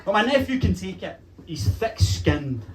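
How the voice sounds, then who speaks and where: A young man with a Glaswegian Scottish accent doing a stand-up comedy set in a club, telling punchy stories with swearing and acting out shouted lines. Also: sits high, very animated, a little slow, a crowd in the background, poor audio. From Glasgow, Scotland. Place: comedy club with a live audience. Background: audience laughter.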